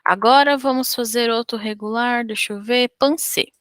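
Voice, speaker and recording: Bright-voiced Brazilian woman teaching French. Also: fairly high pitch, smooth, dry recording. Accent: Brazilian Portuguese. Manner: patient, slow drilling of conjugations with frequent "ó" and "tá?". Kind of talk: whiteboard grammar lesson.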